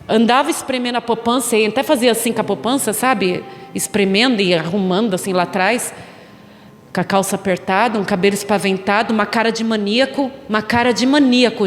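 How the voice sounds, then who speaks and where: A woman pastor preaching a sermon, telling a story with animated emphasis and asking the congregation rhetorical questions. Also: a little high, long reverb tail. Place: church hall.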